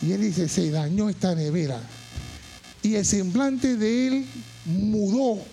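A man preaching a sermon, moving from quiet storytelling to shouted, impassioned high points and repeating phrases for emphasis. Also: slow, gravelly, faint music behind. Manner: repeats words and phrases while telling a story.

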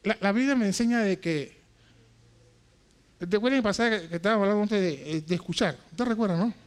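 A man preaching an impassioned sermon as pastor, shouting lines and then dropping to quiet asides, repeating phrases for emphasis. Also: high voice, brisk.

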